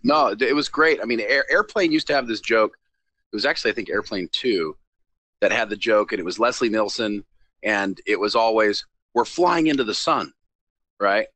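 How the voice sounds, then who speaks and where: A man's voice: fairly low pitch, moderate pace, pushed and bright, dry recording. A man co-hosting a TV recap show, talking in an easygoing way and searching for the right words. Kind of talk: casual review chat.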